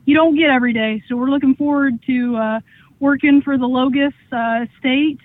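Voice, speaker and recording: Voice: high-pitched, moderate pace, no echo. An auction company representative talking casually over the phone on a radio show, with lots of "uh" fillers between phrases. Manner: relaxed, many "uh" fillers. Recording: narrow tinny phone line, dry.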